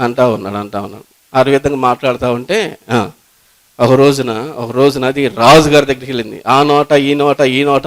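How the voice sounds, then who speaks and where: A man, a pastor, preaching a sermon as a story, repeating phrases and swinging between loud climbs and hushed passages. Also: on the high side.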